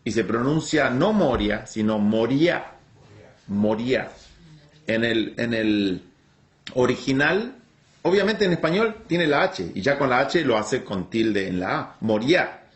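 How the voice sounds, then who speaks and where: A man preaching and teaching from the Bible, explaining the text in a deliberate, expressive way. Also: mid-range voice.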